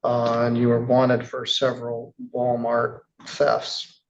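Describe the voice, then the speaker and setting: A man's voice: medium pitch, completely flat delivery, dull audio. Formal male judge on the bench. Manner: measured, formal reading of charges with casual asides. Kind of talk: courtroom proceedings. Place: courtroom.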